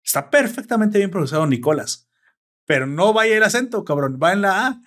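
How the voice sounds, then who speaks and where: A young man with a Mexican Spanish accent holds forth in a relaxed chat, explaining at length. His voice sits a bit high for a man, and he drops in salty slang as he goes. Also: fast talker. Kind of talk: casual chat.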